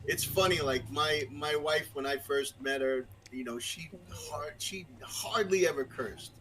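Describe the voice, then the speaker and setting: A man's voice: a little high, measured pace, background noise. A middle-aged man with a Brooklyn New York accent, talking frankly and rambling as a podcast guest, with lots of fillers and restarts. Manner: frank, crass. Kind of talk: casual conversation.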